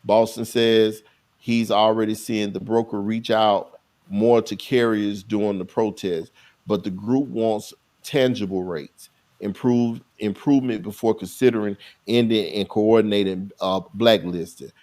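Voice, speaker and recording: A man's voice: fairly low pitch, fairly even intonation, measured pace, a little mellow. A man co-hosting a casual talk show, reading a news item aloud and then commenting on it. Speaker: podcast co-host. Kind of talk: casual chat.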